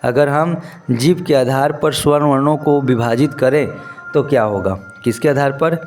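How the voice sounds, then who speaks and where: A male teacher giving a lesson, who asks his students questions, answers them himself and repeats key terms slowly. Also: mid-range voice, faint music behind. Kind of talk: classroom-style lesson.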